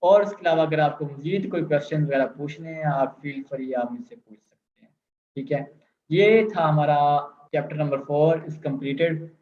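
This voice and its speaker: A man teaching a video language lesson, explaining step by step and drawing out example words slowly. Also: on the high side, a little mellow. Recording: echoey lo-fi room recording.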